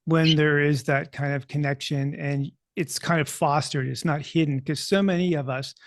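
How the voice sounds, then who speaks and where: Male host, fairly high voice with fry, long winding questions, dry recording. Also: fairly even intonation, normal speed, dry recording. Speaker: podcast host. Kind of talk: casual interview chat.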